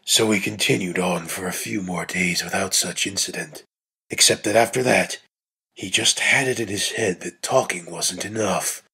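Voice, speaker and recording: A man giving a dramatic scripted narration of a story, in a measured delivery with deliberate pauses. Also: low voice, vocal fry, pushed and bright, breathy edge, low-quality recording. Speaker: reader of a dramatic reading.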